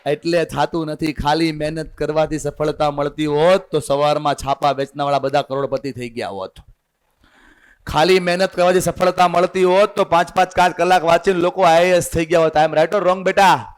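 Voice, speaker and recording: High-voiced man rousing a student crowd. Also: little pitch movement, normal speed, clear, resonant tone. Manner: rousing, drills the crowd with call-and-response. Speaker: motivational speaker. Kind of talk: motivational seminar talk. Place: hall full of students.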